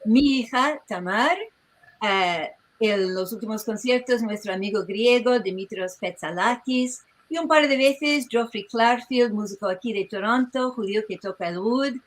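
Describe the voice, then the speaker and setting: A woman presenting as a researcher at an online tribute, talking in a lively, digressive way that often breaks off mid-phrase, heard through a video-call microphone. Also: medium pitch, unhurried, low-quality recording. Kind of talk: informal presentation to an online audience.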